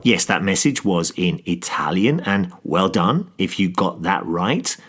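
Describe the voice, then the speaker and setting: A man with a lowish voice presents a scripted football English lesson. He speaks in a measured way and explains each phrase as he goes. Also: sing-song, background noise. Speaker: podcast co-host.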